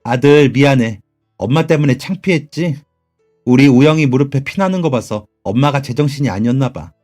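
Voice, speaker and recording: A man's voice: medium pitch, lively intonation, a little fast, darkish tone, soft background music, close to an everyday voice. A man voicing a protective divorced mother who scolds and argues sharply, in a storybook radio drama. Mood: apologetic.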